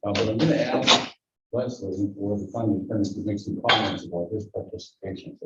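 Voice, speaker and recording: A man's voice: fairly low pitch, fairly quick, heavy background noise. A man chairing a public board meeting, his voice muffled through a face mask, running the agenda with dry asides. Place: meeting room. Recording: dull echoey room recording from a distance.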